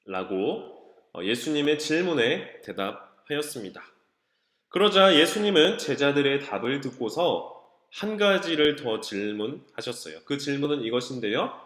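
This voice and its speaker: A man giving a children's sermon, telling the story slowly with emphatic exclamations, recorded in a church. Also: medium pitch, animated, fairly bright tone. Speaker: children's ministry preacher. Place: church sanctuary. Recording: echoey church hall.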